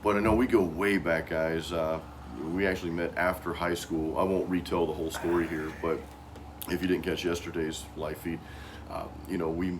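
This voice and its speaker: A man's voice: deep voice, slight background noise. A middle-aged American man hosting a casual, informal chat in loose, slangy speech. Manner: informal, peppered with "dude" and "man". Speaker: host.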